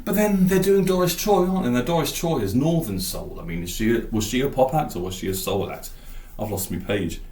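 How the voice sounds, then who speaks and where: A man's voice: mid-range voice, lively intonation, fairly quick, few pauses, mellow, roomy sound. A man hosting a podcast, rambling enthusiastically about an album and thinking aloud. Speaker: podcast host. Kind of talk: casual album talk.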